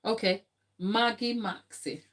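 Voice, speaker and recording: A middle-aged Ghanaian-accented woman, who isn't a native English speaker, runs a casual live cake-decorating tutorial from her home kitchen, explaining as she chats with viewers. Her voice is fairly high and fairly bright, and she speaks slowly.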